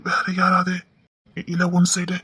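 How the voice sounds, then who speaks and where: A woman playing a police officer who is a heartbroken lover in an audio drama, speaking with a Tirunelveli Tamil accent in a hushed, urgent way that turns mournful. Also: on the low side, monotone, measured pace, breathy edge, exaggerated voice. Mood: questioning.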